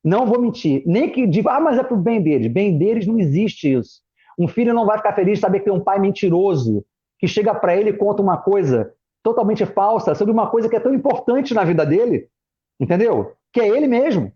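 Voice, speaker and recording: High-voiced man telling a story, muffled audio. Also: fairly quick, breathy edge. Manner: animated, acts out family members' voices in quotes. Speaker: guest, former pastor. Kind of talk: casual chat, personal storytelling. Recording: muffled lo-fi live stream audio.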